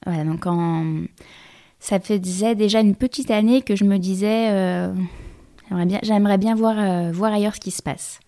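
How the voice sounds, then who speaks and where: A woman in her thirties with a mellow, mid-range voice speaks at a moderate pace. As a guest in a conversational interview, she tells her story hesitantly, full of fillers and restarts.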